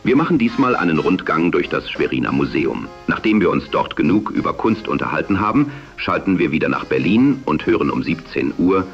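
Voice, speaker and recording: A man announcing a programme formally and with measured delivery in 1940s AM radio style, with an old radio sound. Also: a bass voice, very animated, gravelly. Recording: dull band-limited old radio sound. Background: music.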